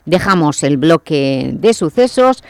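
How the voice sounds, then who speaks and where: A man reading a local radio news bulletin in a steady, measured way. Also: fairly high pitch, no room sound, soft background music.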